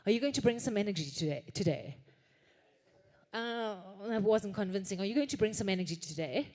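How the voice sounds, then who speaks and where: A woman's voice: mid-range voice, expressive, a little fast, a little mellow. A woman hosting a live conference on stage, addressing the audience in an upbeat, teasing way. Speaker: conference host. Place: conference hall.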